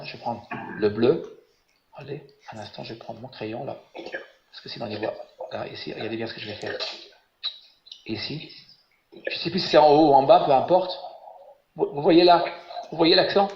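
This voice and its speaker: A man's voice: mid-range voice, reverberant, dull audio. A man teaching a biblical Hebrew grammar lesson online, patient and encouraging, asking his students questions. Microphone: webinar call audio.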